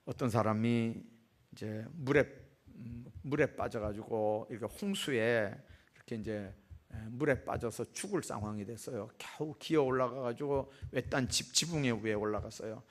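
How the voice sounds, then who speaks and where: A man's voice: medium pitch, normal speed. A male pastor preaching a midweek sermon in a church, telling stories with acted-out quotes and rising emphasis. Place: church sanctuary.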